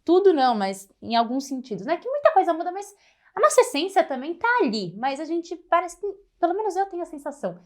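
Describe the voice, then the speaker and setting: A woman's voice: extremely high pitch, sing-song, fast, a little mellow. A woman with a Brazilian Portuguese accent hosting a casual interview podcast, reacting with enthusiasm and asking questions. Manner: enthusiastic, gives short affirming reactions.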